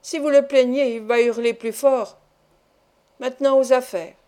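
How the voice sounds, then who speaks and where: Woman reading gruff greedy peasant, shouts, mellow tone, audiobook. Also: sits high, steady tone, a little slow. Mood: angry. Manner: shouting, harsh.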